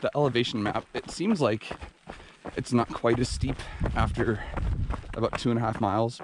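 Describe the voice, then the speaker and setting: A man vlogging while hiking a remote canyon trail, talking in a relaxed, rambling, half-whispered way. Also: fairly low pitch, noisy background. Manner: relaxed, rambling, lots of fillers. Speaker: trail runner vlogging a hike. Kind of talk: casual outdoor vlog narration.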